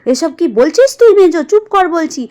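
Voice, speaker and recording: Woman voicing a bossy village woman for a doll cartoon, high-pitched, rapid and scolding. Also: expressive, dark tone. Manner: scolding and quick-talking.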